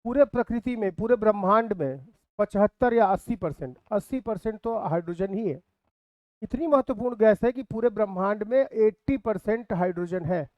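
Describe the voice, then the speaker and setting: A man's voice: high voice, moderate pace, no echo, lo-fi sound. A man teaching a physics class in speech, repeating key terms and asking his students questions. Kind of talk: classroom lecture.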